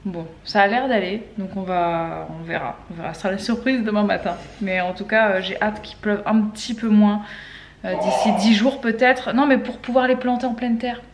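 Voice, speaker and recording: A woman's voice: medium pitch, steady tone, moderate pace, slight background noise. A woman co-hosting a vlog, chatting casually and explaining things in short conversational bursts. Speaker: vlog co-host. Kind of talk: casual chat. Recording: roomy, echoey indoor sound.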